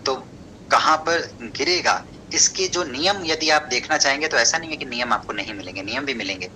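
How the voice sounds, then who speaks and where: A man's voice: medium pitch, lively intonation, brisk, bright, forceful tone, slight background noise, rough recording. A man teaching a class, lecturing and asking questions that he answers himself, with English terms mixed in. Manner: mixes English terms into Hindi.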